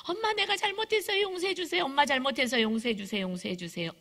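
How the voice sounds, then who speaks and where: A woman's voice: fast talker, a bit bright, big-room sound. Woman doing a frightened pleading child. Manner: pleading, tearful, high and childlike. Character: frightened young child begging its mother.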